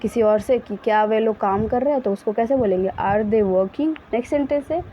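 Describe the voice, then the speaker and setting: A woman English teacher with a slightly high voice drills example sentences at a crawl, then rushes through explanations in Hindi. She stops to correct herself and apologize. The recording is dull and lo-fi, with a faint hiss behind it. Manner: self-correcting, apologetic asides. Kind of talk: Hindi-language English grammar lesson.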